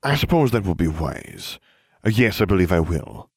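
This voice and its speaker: A man voicing a mild, hesitant elderly headmaster in a storybook reading, musing and unhurried. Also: low voice, huge pitch swings, creaky, darkish tone, slightly rough, no room sound, studio quality, exaggerated voice.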